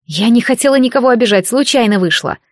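A woman's voice: fairly high pitch, expressive, fast, no echo, close to an everyday voice. A woman reading an audiobook voices a frightened young peasant bride who whimpers and begs for mercy, with a dry close sound. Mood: pleading. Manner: whimpering, imploring. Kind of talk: audiobook character voice.

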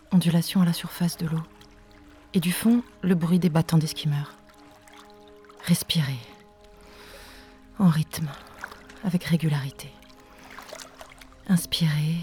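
A woman playing a hushed, halting narrator. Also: on the low side, close to an everyday voice. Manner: slow, halting, drops into whispers. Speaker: stage actress. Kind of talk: theatrical monologue.

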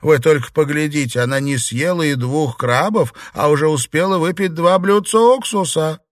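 A giggling, gossipy young maid, as a male narrator does her, her voice raised and loud with teasing glee. It is a dry, close storybook recording. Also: on the high side, normal speed, no echo, voice pushed up, close to an everyday voice. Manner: laughing and teasing.

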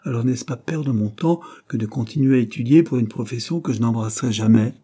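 A sulky, restless young man, put on by a male audiobook reader, pleading in a raised, husky voice. The tone stays dark and a little breathy, with a petulant edge. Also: mid-range voice, a little fast, close to an everyday voice. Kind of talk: audiobook character reading.

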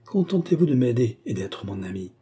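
A man's voice: mid-range voice, very animated, fairly quick, mellow, breathy edge. A man reading a storybook and voicing a composed, secretive young courtesan woman with a firm manner. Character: cool-headed resolute young courtesan woman.

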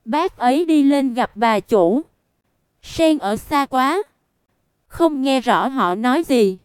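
Brief: woman storybook narrator, high, very smooth voice, steady reading. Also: no room sound, studio quality. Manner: even, unhurried reading that voices the punctuation aloud.

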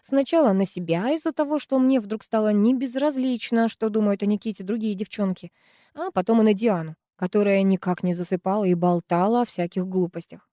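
A woman narrating a first-person audiobook story in a calm, even way. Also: mid-range voice, fairly quick, no room sound, studio quality. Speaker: audiobook reader.

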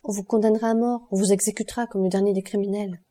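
A woman reading an audiobook voices a proud young woman, sharp and commanding. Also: mid-range voice, level tone, fast, husky, close to an everyday voice.

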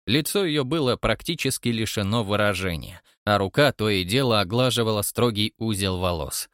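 A man reading an audiobook narration in an even, measured way. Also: fairly low pitch, clear, resonant tone, dry recording, clean studio sound. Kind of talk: scripted narration.

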